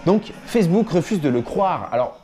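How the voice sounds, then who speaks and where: A man's voice: high-pitched, lively intonation, moderate pace, dark tone. A young man hosting a casual comedic commentary, joking and chatty with many fillers. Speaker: host.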